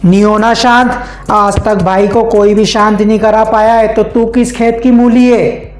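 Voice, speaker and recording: A woman's voice: medium pitch, level tone, measured pace, a little mellow, pitched below the performer's own voice, natural voice. A woman voicing a rowdy, rude and boastful drunk man who talks back with insults. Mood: rude, swaggering. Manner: brash, insulting, swaggering. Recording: roomy echo.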